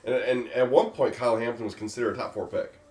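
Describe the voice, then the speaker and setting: A man hosting a casual discussion, talking in a halting way with many fillers. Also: medium pitch, steady tone, a little mellow. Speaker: host. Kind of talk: casual draft pick discussion. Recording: echoey room.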